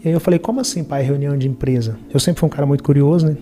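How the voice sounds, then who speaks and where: A man's voice: fairly high pitch, rapid-fire, warm tone, faint music behind. A middle-aged man from Minas Gerais, Brazil, with a Minas Gerais accent, telling a personal story in an earnest, reflective way during an interview. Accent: Brazilian Portuguese, Minas Gerais.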